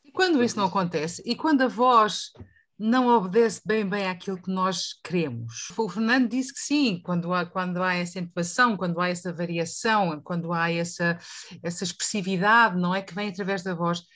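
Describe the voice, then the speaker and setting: A woman with a European Portuguese accent, a voice teacher leading a panel discussion and putting questions to the group in an expressive way. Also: on the low side, fairly quick. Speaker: voice teacher and moderator.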